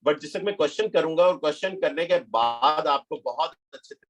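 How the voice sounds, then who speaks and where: A man, teaching a math lesson step by step, mixing in English terms and checking "clear?" with his students. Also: on the high side, expressive, a little fast. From Pakistan. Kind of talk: classroom lecture.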